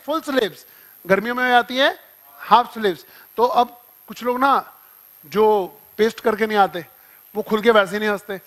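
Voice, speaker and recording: An Indian-accented man with a high-pitched voice teaches a vocabulary class. He explains words with playful everyday examples and acts out small scenes, moving between Hindi and English. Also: a bit bright.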